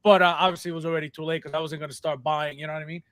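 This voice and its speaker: A Spanish-native man from Colombia hosts a laid-back podcast with a clearly high voice, stopping and restarting his sentences as he goes. The sound is dry and close, with no room in it. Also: flat delivery, fairly bright tone, dry recording. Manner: halting, full of restarts. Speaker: podcast host. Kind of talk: casual podcast chat.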